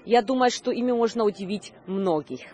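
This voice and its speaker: With a mid-range, dark-toned voice and a slightly fast pace, a woman in her thirties does a semi-scripted news report to camera from an outdoor Christmas market. Holding a handheld microphone, she delivers it with a touch of hesitation.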